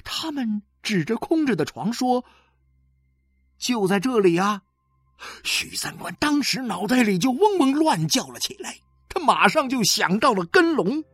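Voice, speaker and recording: A man's voice: extremely high pitch, big pitch swings, moderate pace, fairly bright tone, slightly rough, no room sound, clean studio sound. A man narrating a literary novel as an audiobook, dramatic and emotionally varied, with faint music behind.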